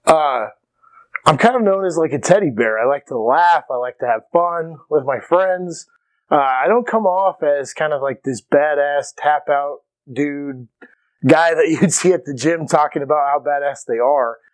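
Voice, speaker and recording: A man's voice: on the high side, a little slow. A man teaching self-defense to camera in a casual but emphatic way, often checking in with "okay". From Irish. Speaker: martial arts instructor. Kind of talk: instructional talk to camera.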